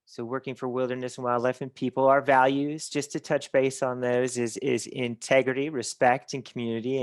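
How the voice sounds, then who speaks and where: Man presenter on a video call, even and monotone, lots of ums, dry close sound. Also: medium pitch, no room sound. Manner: halting, many fillers and restarts. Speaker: conference presenter. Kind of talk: online webinar presentation.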